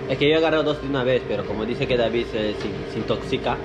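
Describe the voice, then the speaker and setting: A man's voice: medium pitch, very fast, loud music behind the voice, rough recording. A young man co-hosting a casual food vlog, joking and teasing while talking straight to viewers. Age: young adult. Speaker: vlog co-host. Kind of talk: casual food-tasting chat. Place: indoor sushi restaurant. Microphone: camera on the table.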